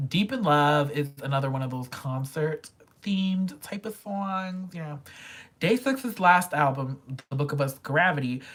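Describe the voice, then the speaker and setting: In a casual music review vlog, a young woman K-pop album reviewer with a low voice gushes like a chatty fangirl. Every so often she sinks into a quiet whisper.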